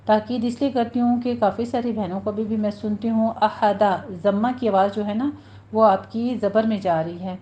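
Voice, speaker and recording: A woman teaching a tajweed lesson, patiently explaining pronunciation rules and slowly repeating words for her students to practice. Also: medium pitch, steady tone, mellow, highs cut off. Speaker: Quran recitation teacher.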